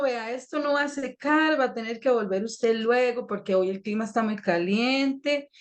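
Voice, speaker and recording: A young adult woman audiologist telling a lively, self-mocking anecdote on a panel, acting out moments as she goes. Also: medium pitch.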